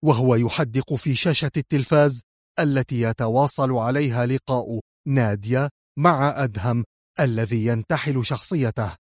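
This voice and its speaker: Man, audiobook narrator, spy thriller, steady, tense, dry close recording. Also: medium pitch, dry recording.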